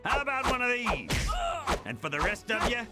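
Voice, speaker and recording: Animated, tough Colonel Fury. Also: male voice, very high-pitched, moderate pace, raised voice. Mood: combative. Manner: brusque, punchy. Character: tough, combative male spy colonel. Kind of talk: video game character acting.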